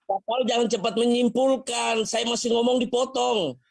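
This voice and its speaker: A man's voice: very high voice, fairly even intonation, normal speed, creaky, dry recording. A man on a video call in a heated debate, insisting with short repeated objections. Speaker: debate guest.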